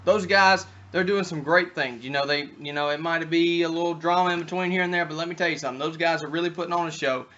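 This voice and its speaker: A young man running his own wrestling talk show with a brash, bright, pushed voice that sits a bit high for a man. He swings from easygoing rambling into loud, trash-talking rants. The sound is dull and lo-fi, like a home recording. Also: steady tone, fast talker, hardly any pauses, slight background noise. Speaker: talk show host, backyard wrestling persona.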